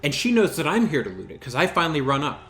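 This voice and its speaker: A man hosting a gaming channel, telling a story over gameplay in an animated, exasperated and self-mocking way. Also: a little high, fast.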